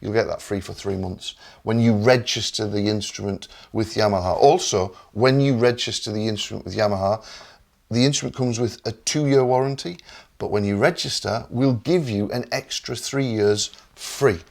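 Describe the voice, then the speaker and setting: A man's voice: lowish voice, normal speed, gravelly. A man with a Northern English accent, explaining a digital piano in casual chat with enthusiasm and lots of repeated words. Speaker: product specialist. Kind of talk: casual product demo chat.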